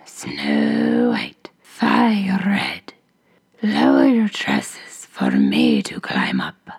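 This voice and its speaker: A huge menacing ogress. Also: female voice, wildly swooping pitch, drawn-out words, a little mellow, exaggerated voice. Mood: calling. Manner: hoarse low whisper. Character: huge, tall, stout female ogress, menacing.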